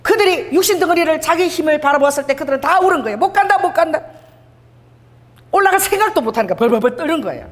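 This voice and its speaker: A woman preacher giving a lively sermon, acting out the voices of God and people from scripture as she teaches. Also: high voice. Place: church sanctuary. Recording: long hall reverb.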